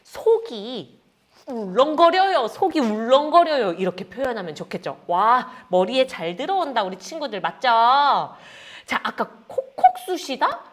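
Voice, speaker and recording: Woman, Korean teacher, animated pitch, higher voice, playful gestures in her speech, chatty classroom tone. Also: unhurried. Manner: animated, acts out feelings with sound words and gestures; addresses students as friends, frequent "자". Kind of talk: lively online Korean lesson.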